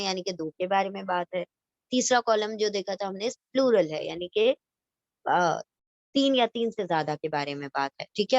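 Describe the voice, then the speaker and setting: A woman's voice: medium pitch, a little mellow, no room sound, highs cut off. Patient woman teaching Arabic grammar, dry sound. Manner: explains patiently, repeats terms, asks "theek hai?" to check understanding; mixes in English grammar words and Urdu-flavoured vocabulary. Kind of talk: recorded lesson revising a past lecture.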